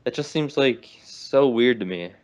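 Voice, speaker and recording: A male podcast co-host chatting casually about games. He rambles, jokes, and often backtracks on what he just said, in a voice of ordinary pitch. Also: lively intonation, measured pace, highs cut off. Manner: rambling, jokey, self-correcting. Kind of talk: casual chat.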